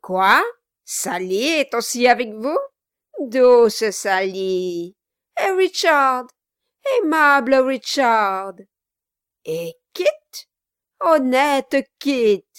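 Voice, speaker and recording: A woman's voice: on the high side, expressive, very slow, fairly bright tone, clear, resonant tone, dry recording, studio quality, pitched above the performer's own voice, exaggerated voice. A woman voicing a hideous, gleeful dwarf man who jeers and cackles with mocking laughter. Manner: shrieking, jeering with cackling laughs.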